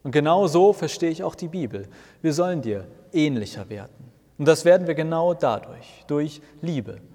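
A man voicing Martin Luther as a blunt, bossy housemate who explains things briskly in a spoken story. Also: fairly high pitch, expressive, mellow. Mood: explaining. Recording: long reverb, roomy hall sound.

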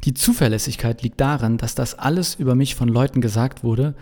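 A man's voice: mid-range voice, brisk, a little mellow, natural voice. Jesus, smug hot-headed son of God, voiced by a man. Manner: self-assured, boastful. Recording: long reverberant echo.

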